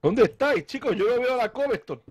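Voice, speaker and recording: Co-player, man, lively voice, prone to shouting out. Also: extremely high pitch, fairly quick, husky. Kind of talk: casual gaming chat.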